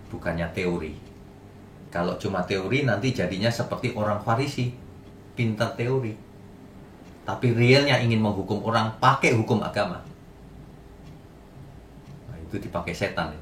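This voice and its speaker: Exhorting low-voiced male pastor. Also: normal speed, long pauses, fairly bright tone, reverberant, a little hiss or hum. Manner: exhorting, repeats points for emphasis. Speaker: pastor leading a church group. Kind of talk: sermon wrap-up and group discussion.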